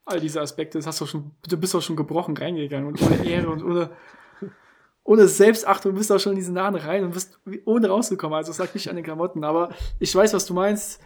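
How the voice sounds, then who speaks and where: Rambling, self-mocking podcast host. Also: male voice, sits high, steady tone, fast talker, a little mellow. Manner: rambling, self-mocking, acts out inner thoughts. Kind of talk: casual chat.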